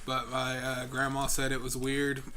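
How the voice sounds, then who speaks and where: A man's voice: mid-range voice, monotone, moderate pace, pushed and bright. A man co-hosting a casual video game session, chatting and laughing often as he plays. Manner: giggly, laughs often while joking. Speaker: co-host playing a video game. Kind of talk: casual gaming chat.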